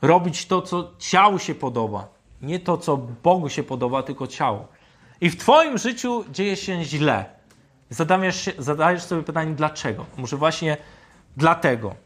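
A man preaching a sermon, speaking deliberately and asking his listeners rhetorical questions. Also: on the high side, expressive, fairly bright tone.

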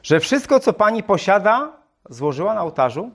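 A man reading the lines of a calm missionary who questions a woman. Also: mid-range voice, a little fast, pitched below the performer's own voice. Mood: probing. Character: calm probing male missionary.

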